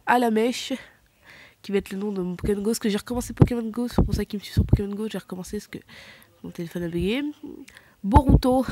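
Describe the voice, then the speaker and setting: A woman chats casually to her viewers about her game collection, stumbling over names and correcting herself often. Her pitch sits in a middle range. The recording is dry, with no room sound. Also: warm tone, no room sound. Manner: rambling, hesitant, many fillers and self-corrections. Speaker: gaming vlogger.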